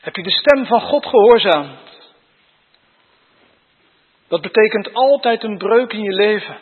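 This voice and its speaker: Husky high-voiced preacher in church reverb. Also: male voice, animated, unhurried. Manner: earnest, probing rhetorical questions to the congregation. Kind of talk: sermon. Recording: dull sound with long church reverb.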